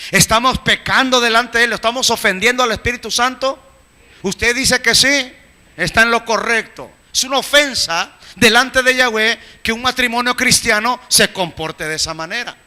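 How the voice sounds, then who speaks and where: A man preaching a sermon with emphatic delivery, rising to shouts at the peaks. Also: very high voice, moderate pace. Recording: echoey hall.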